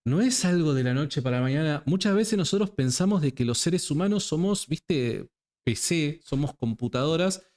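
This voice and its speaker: An interviewer with an Argentine Rioplatense Spanish accent hosts a casual conversation in a colloquial, affectionate way, repeating words for emphasis. His voice is fairly high, animated, and darkish, at a moderate pace.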